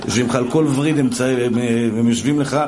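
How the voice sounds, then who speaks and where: A man's voice: mid-range voice, a crowd in the background. A middle-aged man, a rabbi, preaching a sermon and telling stories with voiced quotes and repetition.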